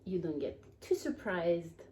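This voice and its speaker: A young woman from Norway hosting her channel, chatting casually and jumping up in pitch when she stresses a point. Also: animated, unhurried, warm tone, a little hiss or hum, rough recording. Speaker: vlog host. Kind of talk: casual chat.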